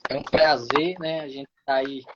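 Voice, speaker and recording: A man's voice: medium pitch, steady tone, normal speed, lo-fi sound, noisy background. A man, a pastor, hosting a live stream, speaking hesitantly with frequent fillers.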